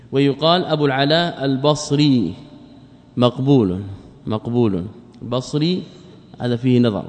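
Man teaching a classical text, long reverb. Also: medium pitch. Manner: explains slowly, repeats key phrases, quizzes students. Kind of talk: classical Arabic study lesson. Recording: long reverb of a lecture hall.

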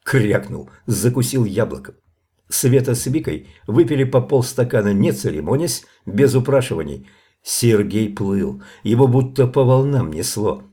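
A man reading a novel aloud as narrator in a measured, even storytelling manner. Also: medium pitch, breathy edge.

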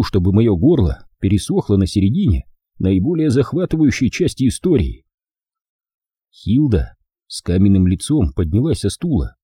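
A man reading a first-person story aloud in a wry, unhurried way. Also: lowish voice, warm tone, slightly rough, no room sound, clean studio sound. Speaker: narrator. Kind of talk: first-person audiobook narration.

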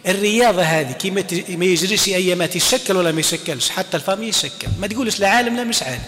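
A man giving an informal recitation lesson, chanting quoted readings slowly and answering students. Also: high-pitched, fairly bright tone. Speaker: teacher of Quran recitation. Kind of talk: classroom lesson explaining recitation. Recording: long hall reverb.

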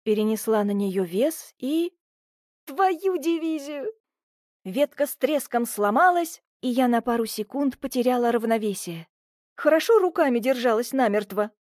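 A woman giving an expressive first-person audiobook narration. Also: fairly high pitch, normal speed, dry recording, clean studio sound.

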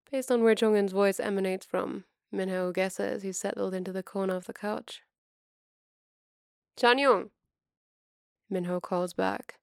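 A woman narrating a fan fiction story aloud in a steady, even way. Her voice is mid-pitched with a gravelly, creaky texture. It is recorded close and dry, with no room echo.

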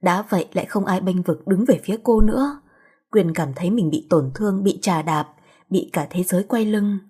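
A woman narrating an audiobook story in a steady, even manner. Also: medium pitch, moderate pace, slightly rough.

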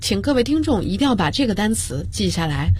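Female radio English teacher, slightly husky tone, patient and methodical, spells words aloud. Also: mid-range voice, sing-song, a little mellow. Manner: explains slowly, spells words letter by letter. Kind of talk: radio language lesson. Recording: broadcast studio.

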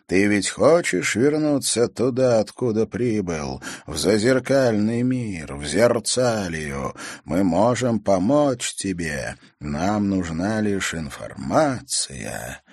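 Storybook club elder, male, ingratiating, voice pushed up high and lively, read by a man. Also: moderate pace, vocal fry, no room sound, studio quality, heavily acted. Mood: coaxing. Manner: coaxing, ingratiating. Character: older male secret-club elder, smooth and persuasive. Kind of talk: audiobook character voice.

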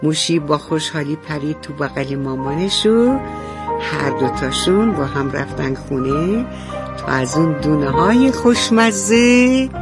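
A woman narrating a bedtime story for children on the radio, gentle and affectionate. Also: low voice, expressive, over loud music. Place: radio studio.

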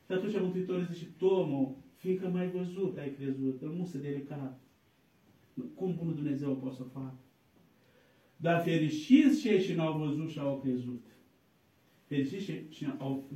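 A man, an Orthodox priest, preaching a sermon, moving from quiet asides to loud, emphatic exhortation and intoning scripture slowly, as if chanting. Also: on the high side. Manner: slow, chant-like reading of scripture quotes. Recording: echoey room, distant mic.

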